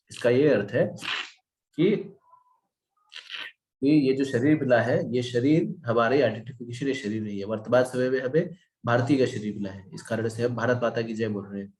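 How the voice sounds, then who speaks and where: A man's voice: medium pitch, echoey room. A man giving a devotional scripture class, asking questions and answering them himself. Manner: animated, asks and answers own questions. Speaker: Gita teacher.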